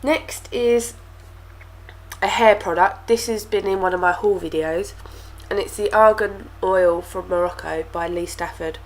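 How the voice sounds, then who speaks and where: Over poor audio, a young woman vlogger talks a little slowly in a mid-range voice. Stuffy-nosed from a cold, she rambles chattily about products in a casual review to camera, with lots of fillers and repeated words.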